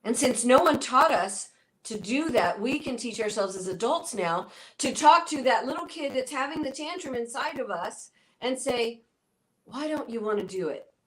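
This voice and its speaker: A woman's voice: sits high, animated, moderate pace, poor audio. A middle-aged woman speaking as a guest on an interview show, acting out her inner dialogue in quoted voices as she explains. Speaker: guest, spiritual healer and coach. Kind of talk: conversational interview.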